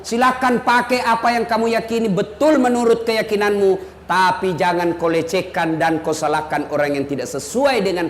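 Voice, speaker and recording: A male preacher giving a joking, emphatic sermon to an audience in a large hall, sometimes shouting. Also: high-pitched. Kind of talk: humorous sermon. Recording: echoey hall, faint noise.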